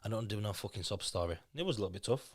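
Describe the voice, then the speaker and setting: Talking very fast in an animated, lowish voice, a man in his thirties from Lithuania gives a candid, casual podcast interview full of swearing and restarted words. Though Lithuanian is his native tongue, he has a Yorkshire accent, and the podcast mic captures clean studio sound with no room sound.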